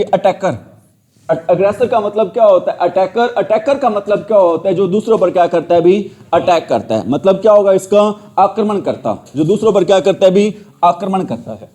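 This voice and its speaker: A man's voice: high-pitched, warm tone. A man teaching a grammar lesson, who asks the class the same question again and again so they give the answer back. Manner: repeats questions, drills students for answers.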